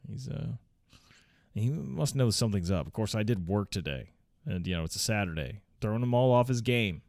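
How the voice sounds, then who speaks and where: A man's voice: on the low side, lively intonation, moderate pace, creaky, darkish tone, dry recording. A man in his thirties hosting a casual solo podcast from home on a close mic, rambling with lots of fillers and restarts, swearing freely and chuckling often. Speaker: podcast host.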